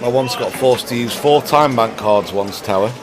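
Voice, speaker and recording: A man's voice: mid-range voice, moderate pace. A man giving live poker commentary with casual banter, a busy crowd audible behind him. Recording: crowd noise, busy public tournament room. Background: crowd murmur.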